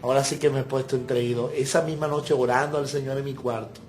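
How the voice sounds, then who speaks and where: A man's voice: medium pitch, fairly even intonation, quick pace, a little mellow, slight background noise. A male pastor, preaching a sermon in an emphatic storytelling way and acting out the voices he quotes.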